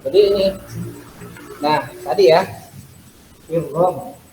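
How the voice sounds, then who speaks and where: A man's voice: fairly high pitch, slow pace, mellow. A man teaching a Quran recitation class, patiently repeating letter sounds for students to echo. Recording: echoey room with faint noise.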